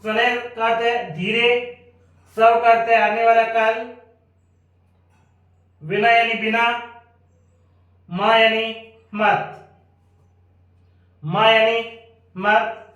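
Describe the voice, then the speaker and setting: A man with a Rajasthani Hindi accent teaches Sanskrit in a very slow, high, monotone voice. He repeats each meaning and quizzes the class aloud. He sounds far from the mic, in a strongly echoing classroom. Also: highs cut off. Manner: slow, repetitive drilling with rhetorical questions. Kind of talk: classroom grammar lesson. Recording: echoey room, voice from far off.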